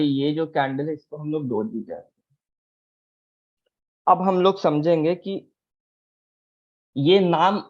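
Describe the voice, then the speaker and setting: A man's voice: fairly high pitch, a little mellow. A man teaching a chart lesson, patient, repeating key terms and asking if anyone is confused. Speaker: trading teacher. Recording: tinny phone-like audio.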